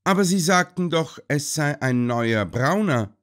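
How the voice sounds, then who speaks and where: A man's voice: fairly high pitch, expressive, unhurried, fairly bright tone, voice pushed up. A man doing a shrewd thoughtful detective.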